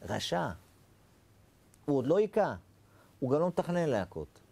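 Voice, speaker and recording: A man gives a rabbi's Torah lesson in a warm, gravelly voice. His pitch rises and falls widely as he asks rhetorical questions and acts out short dialogues. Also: sing-song. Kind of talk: Torah lecture.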